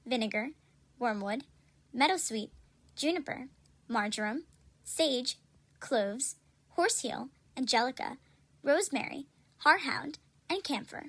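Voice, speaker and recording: A woman playing an upbeat, salesy pitchwoman in a parody pharmaceutical ad, persuasive and scripted. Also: expressive, measured pace, long pauses, a bit bright, full character voice. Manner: salesy, persuasive announcer delivery. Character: upbeat 17th-century female drug-commercial pitchwoman selling cures.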